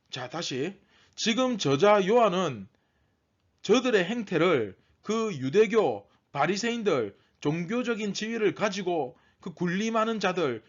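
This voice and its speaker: A man's voice: high voice, lo-fi sound. A male pastor giving a teaching sermon, explaining word meanings and asking his listeners questions. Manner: teaching, asks the congregation questions.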